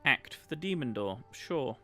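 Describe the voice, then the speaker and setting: Bright-voiced northern English streamer. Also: male voice, medium pitch, normal speed, faint music behind. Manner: jokey, excitable, talks to the game. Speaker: livestreamer. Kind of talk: casual gameplay commentary.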